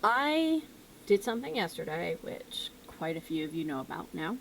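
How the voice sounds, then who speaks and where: A woman's voice: lowish voice, sing-song, normal speed, creaky, slight background noise, poor audio. A woman with a Southern US twang, a music reaction YouTuber chatting casually and playfully teasing her viewers.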